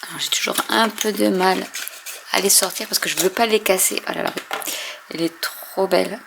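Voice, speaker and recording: A woman casually showing and testing inks, hesitating often with many fillers and often trailing off softly. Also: medium pitch, steady tone, moderate pace, creaky, noisy background. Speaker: craft video host. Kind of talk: casual product demo.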